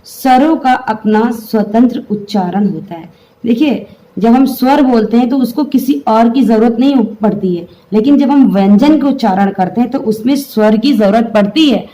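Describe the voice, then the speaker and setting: A woman's voice: fairly high pitch, moderate pace, warm tone, low-quality recording. A woman teaching a grammar lesson, explaining step by step and having the class say the sounds aloud.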